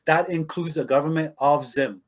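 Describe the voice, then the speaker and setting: Give me an emphatic man from Zimbabwe co-hosting a chat podcast, voice a bit higher than most. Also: moderate pace. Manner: emphatic, passionate, addresses listeners directly. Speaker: podcast co-host.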